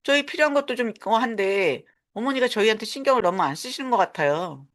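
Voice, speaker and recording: A woman putting on a sharp-tongued peevish daughter-in-law. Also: a little high, animated, quick pace, voice pushed up, close to an everyday voice. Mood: sulky. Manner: peevish, accusing.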